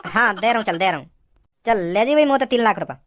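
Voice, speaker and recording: A stingy, gruff cartoon father, as a performer puts him on, grumbling. His voice sits well below the performer's usual pitch and stays quick. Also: expressive, fairly bright tone, lightly acted. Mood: grudging.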